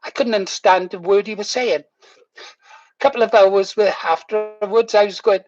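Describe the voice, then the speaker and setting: A man's voice: sits high, fairly even intonation, unhurried. A man over sixty, chatting casually to viewers as he hosts a livestream. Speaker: livestream host. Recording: muffled, echoey room.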